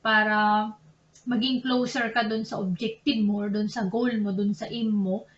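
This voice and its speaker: A woman's voice: mid-range voice, level tone, normal speed, echoey room, lo-fi sound, slight background noise. A young Filipina woman, teaching Japanese grammar in a chatty, casual way, often correcting herself and laughing at her slips. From Philippines. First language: Tagalog. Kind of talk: casual online lesson in Tagalog and English.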